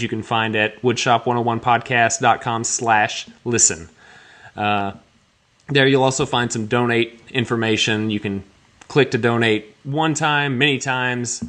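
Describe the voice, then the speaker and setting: A man's voice: mid-range voice, a bit bright. A man hosting a casual podcast, jokey and laughing often, with frequent restarts. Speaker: podcast host.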